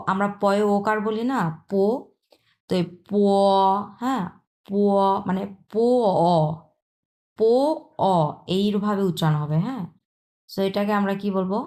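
A woman from China, teaching a pronunciation lesson and patiently repeating sounds one by one. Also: medium pitch. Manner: patient, repeats sounds slowly, asks "হ্যাঁ?" often. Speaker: Chinese language teacher.

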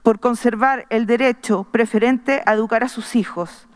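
A middle-aged woman reads an earnest, measured formal speech from notes at a podium microphone in a large wood-panelled assembly hall. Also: fairly high pitch, fairly even intonation. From Chile. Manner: earnest, measured, reading from notes with small restarts. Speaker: constitutional convention member. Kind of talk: formal speech read from paper. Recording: long reverb of a large hall.

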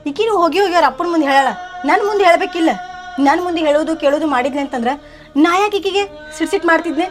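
A middle-aged woman playing a quick, irritable village mother with a North Karnataka Kannada accent. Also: very high voice, over music. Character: sharp-tongued village mother.

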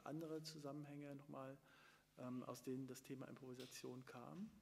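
A man's voice: medium pitch, flat delivery, moderate pace, creaky, a little mellow, a little hiss or hum. Middle-aged man, moderator, hesitant with fillers, stand mic, long hall reverb. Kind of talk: live talk introduction and interview. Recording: long room reverb, from far camera.

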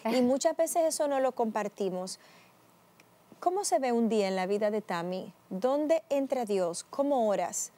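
Mellow higher-voiced woman host. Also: animated, moderate pace. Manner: affirming, interjects short blessings. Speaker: interviewer host. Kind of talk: faith talk show interview.

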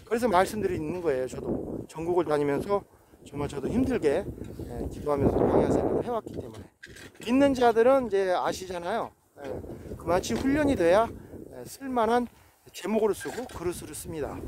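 A man's voice: high-pitched, very animated, brisk. A man in his forties talking outdoors on a rocky hillside in a casual vlog, with a preachy manner and frequent affirmations. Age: 40s. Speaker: vlogger. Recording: noisy outdoor recording.

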